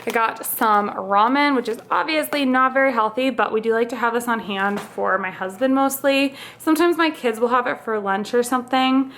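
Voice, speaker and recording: A woman's voice: on the high side, normal speed, few pauses, a bit bright, a little hiss or hum. A young woman casually talking through her grocery haul as a vlogger, chatty and upbeat, a little out of breath. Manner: chatty, upbeat, lists items with fillers like "like" and "um". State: slightly out of breath.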